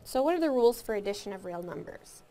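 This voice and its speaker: A woman's voice: mid-range voice, expressive, fast, warm tone. Woman teaching a math lesson. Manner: explains step by step, counting aloud and asking questions.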